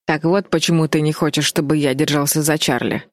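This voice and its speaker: Wary young man in a storybook, flat and dry; woman narrator reading him in her own low voice. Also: no echo, lightly acted. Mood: slow. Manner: slow, dry remarks. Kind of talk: audiobook character voice.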